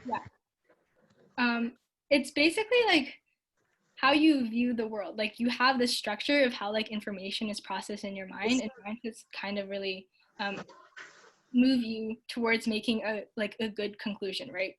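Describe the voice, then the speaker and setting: Earnest young woman with a high voice. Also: normal speed, a little hiss or hum. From Canada. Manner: frequent likes and ums, upbeat and earnest. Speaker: speaker answering audience questions. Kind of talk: casual online talk.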